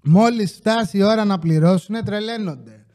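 A man hosts a podcast in a voice that sits high, telling funny stories with casual animation. Customers' remarks get acted out, and the profanity flows freely.

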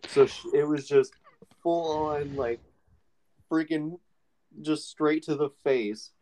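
A man's voice: a little high, slow, mellow, low-quality recording. A young man casually telling a long story with many fillers on a podcast. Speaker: podcast co-host.

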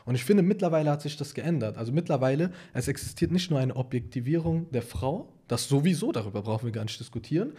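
A man in his twenties chatting casually, pausing to search for words and checking in with question tags. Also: mid-range voice, warm tone. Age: 20s. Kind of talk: casual chat.

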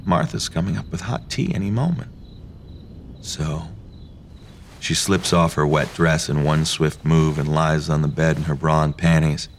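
A man narrating a first-person story in a low, hushed, intimate reading. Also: steady tone, unhurried, slight background noise. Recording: faint music behind.

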